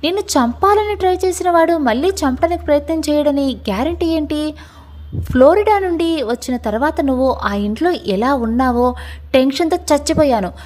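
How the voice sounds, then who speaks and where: A woman's voice: high voice, animated, moderate pace, darkish tone, voice pushed up. A woman voicing a protective, bossy young man who scolds and insists. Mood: insistent.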